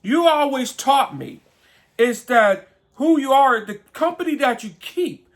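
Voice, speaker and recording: A man's voice: very high voice, expressive, unhurried. A man co-hosting a casual talk show, earnest and explaining things with everyday examples. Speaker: co-host. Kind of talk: casual conversational commentary.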